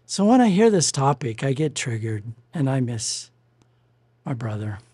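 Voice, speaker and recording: A pastor speaks slowly in a husky, breathy voice, leading a personal devotional. The delivery is candid and conversational, with the occasional self-directed chuckle. The sound is dry and close. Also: mid-range voice, darkish tone, no room sound. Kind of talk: devotional message.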